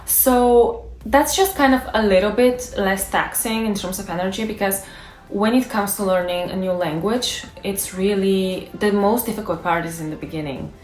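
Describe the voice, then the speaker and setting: A young native Bulgarian speaker, a language-learning YouTuber, talks casually to camera in a medium-pitched, somewhat dark voice at a moderate pace. She thinks aloud, using fillers and restarts, and the room is echoey.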